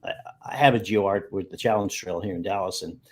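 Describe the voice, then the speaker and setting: Low-voiced rambling man. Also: a little fast. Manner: rambling, self-correcting storyteller. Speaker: guest geocacher. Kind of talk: casual video-call chat.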